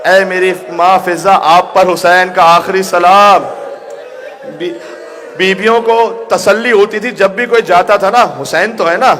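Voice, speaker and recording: A man's voice: high-pitched, steady tone, a bit bright, a little hiss or hum. A male preacher delivering an emotional mourning sermon in a hall, rising to anguished cries and half-sung lament. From Pakistan. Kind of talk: Muharram majlis sermon recounting Karbala. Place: large hall gathering.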